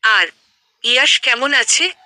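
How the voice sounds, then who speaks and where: A woman's voice: sits high, lively intonation, slow, bright, forceful tone, no echo, exaggerated voice. A woman voicing an affectionate, teasing young man talking to his fiancée on the phone in an audio story. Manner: playful, teasing.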